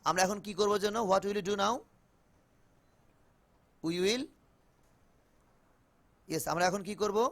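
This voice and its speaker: Over a video call, a Bengali-accented man with a high-sitting voice teaches an online spoken English class, blending Bengali with English and slowly repeating words for his students.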